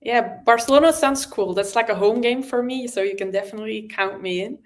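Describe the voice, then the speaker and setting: A woman's voice: a little high, fairly quick. A woman who is not a native English speaker, chatting casually and hesitantly as she searches for words. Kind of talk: casual chat.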